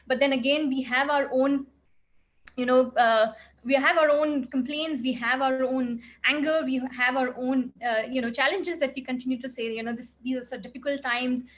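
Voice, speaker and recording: Woman psychologist, pretty high voice, earnest talk, says you know a lot. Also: fairly even intonation, moderate pace, highs cut off, slight background noise. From India. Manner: earnest, heavy use of "you know" fillers. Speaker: clinical psychologist giving an expert talk. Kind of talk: reflective expert talk.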